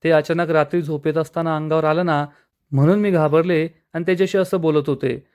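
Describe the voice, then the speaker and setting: A man's voice: fairly high pitch, fairly even intonation, fairly quick, darkish tone, smooth, natural voice. A man voicing a shy, easily startled young woman who speaks timidly and apologetically.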